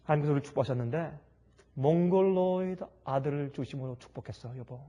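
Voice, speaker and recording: A man voicing a young pastor and new father who speaks low and softly to his wife. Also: quick pace, highs cut off, close to an everyday voice. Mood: gentle. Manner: low, soft, gentle.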